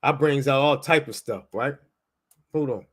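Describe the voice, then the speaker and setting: A linguistics teacher from Baltimore hosts a casual live talk with debate, his Baltimore accent carrying insistent, colloquial explanations. His voice sits at medium pitch with a breathy edge, and he talks at normal speed.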